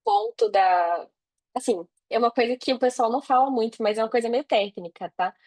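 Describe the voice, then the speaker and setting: A Brazilian woman, a digital marketer, chats casually as a podcast guest, informally thinking her answers through aloud. Her voice is on the high side and darkish in tone, and she speaks briskly.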